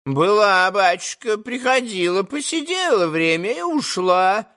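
A man voicing a scolding old female servant in a cracked falsetto, in a storybook reading. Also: lively intonation, measured pace, fairly bright tone. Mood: chatty.

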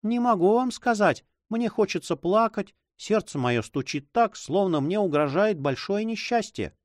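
A man's voice: a little high, big pitch swings, normal speed, darkish tone, dry recording, studio quality, voice pushed up. A man voicing a sad, stubborn young woman who pleads in a plaintive tone. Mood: pleading.

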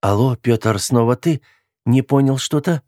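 A man's voice: mid-range voice, a little slow, dark tone, no echo, close to an everyday voice. A man reading the part of a proud, hurt young woman with a cutting, scornful way of speaking, in a dry, close recording. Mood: brisk.

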